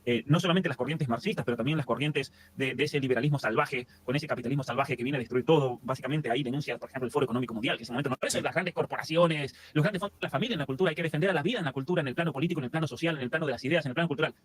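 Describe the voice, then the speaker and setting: A man's voice: mid-range voice, a little hiss or hum. A man, a guest in an interview, explaining at length in long lists. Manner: rapid, explanatory, lists things in long chains. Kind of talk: casual interview.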